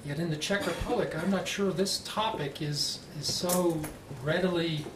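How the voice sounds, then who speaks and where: Male moderator, standard American accent, measured panel introduction, distant echoey recording. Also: on the high side. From United States. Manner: slow, clearly enunciated, deliberate delivery. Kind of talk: introducing a public panel discussion. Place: conference panel room, indoors. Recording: echoey, noisy room, distant mic.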